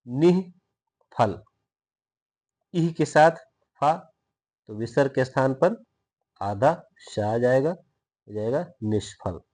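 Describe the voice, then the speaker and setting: A man giving a grammar lesson at an unhurried, deliberate pace. He works through each rule methodically, asks questions and then answers them, and stretches out example words to demonstrate their pronunciation. His voice sits at an ordinary middle pitch. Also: lively intonation, a little mellow. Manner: slow, explains step by step and asks himself questions. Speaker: Hindi grammar teacher. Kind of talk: recorded video lesson.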